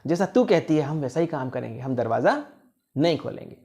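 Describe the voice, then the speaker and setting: A man's voice: fairly high pitch, big pitch swings, a little fast, warm tone. An earnest, obedient goat girl, the eldest of the kids, answering her mother eagerly, as a man telling a children's story voices her. The voice is kept simple and close to the storyteller's own.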